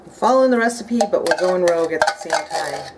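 Cooking indoors at home, a chatty woman vlogger keeps up an upbeat, casual cook-along narration, thinking aloud as she goes. Her pitch is fairly low, her delivery animated and a little fast, with clinking cutlery, pots, dishes and utensils clearly audible.

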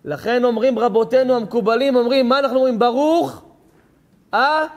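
A rabbi delivering a sermon, telling stories with passion, acting out dialogue and rising to shouts at times. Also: male voice, very high-pitched, steady tone.

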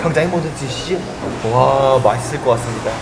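A man's voice: medium pitch, fast talker, gravelly, over a noisy crowd. A young man in military role-play banter over a meal, scolding in mock-stern, formal soldier speech. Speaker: performer in a comedy skit show. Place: cafeteria, indoors. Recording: echoey room with loud music. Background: loud music.

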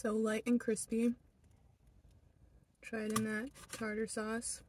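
Young woman, slightly high voice, casual food vlog, chewing while talking, in a car, some background noise. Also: completely flat delivery, takes it slowly, darkish tone. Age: young adult. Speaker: food vlogger. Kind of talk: casual eat-with-me food review chat. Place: inside a parked car.

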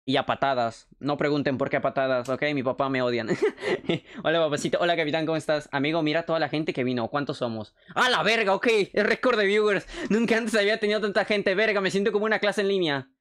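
Young Mexican male streamer, rapid casual chat, swears a lot, slightly high voice. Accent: Mexican Spanish. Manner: fast, excitable, swears freely.

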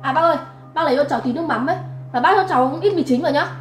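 An actress playing a harsh, scornful middle-aged mother-in-law, scolding in a sharp, contemptuous way. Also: high-pitched, rapid-fire, natural voice. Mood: sweetly demanding. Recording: roomy, with music underneath.

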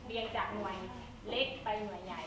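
A woman's voice: medium pitch, steady tone, fairly quick. Teacher woman in an echoey classroom. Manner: asks the class questions, repeats words. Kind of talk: classroom lecture at a blackboard. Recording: echoey classroom from far off, noisy.

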